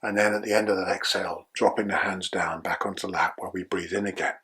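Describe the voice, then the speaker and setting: Older male breathwork teacher, low husky voice, calm patient instruction. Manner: calm, slow guiding with checking "yeah?".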